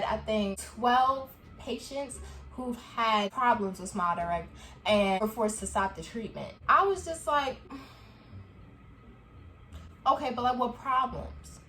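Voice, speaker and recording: A young woman chatting to camera in a casual review vlog, animated and quick to laugh, acting out what people said to her. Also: on the high side. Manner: chatty and animated, laughs often, acts out quoted dialogue. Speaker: vlogger.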